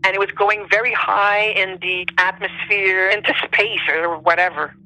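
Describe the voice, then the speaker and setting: As an interview guest, a non-native English-speaking woman shares personal stories conversationally, hunting for words as if translating mentally. She has a medium pitch, fairly even intonation, a moderate pace and a pushed, bright sound, on poor audio.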